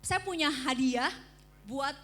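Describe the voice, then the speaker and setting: Bright, high-voiced woman preacher. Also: takes it slowly, soft background music. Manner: animated storytelling, acting out screams. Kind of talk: sermon with personal story. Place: church service.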